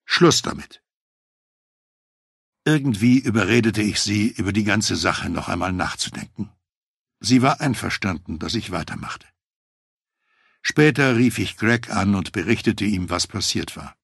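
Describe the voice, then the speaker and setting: A man reading a first-person memoir aloud, telling the story in a measured, reflective way. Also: lowish voice, lively intonation, vocal fry, slightly rough, dry recording, studio quality. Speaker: audiobook narrator.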